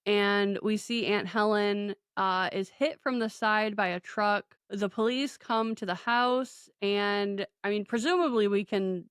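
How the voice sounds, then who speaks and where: A woman's voice: medium pitch, unhurried, few pauses, a bit bright, smooth, no echo, studio quality. A woman co-hosting a movie podcast, recapping scenes in casual, chatty talk full of "like" and casual swearing. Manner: chatty, swears freely, heavy use of "like". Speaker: podcast co-host.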